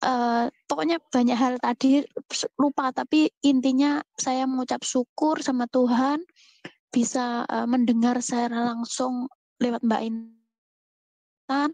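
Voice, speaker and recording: A woman speaking up in a group session, talking hesitantly with many drawn-out fillers. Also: a little high, a little mellow, no echo. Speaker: participant asking a question. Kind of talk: spontaneous talk in an online group session.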